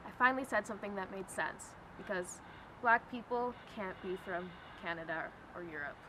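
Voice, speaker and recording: A woman's voice: medium pitch, moderate pace. Young woman narrating wryly over background noise. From Ireland. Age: young adult. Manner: wry, questioning. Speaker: student narrator. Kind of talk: scripted personal narration.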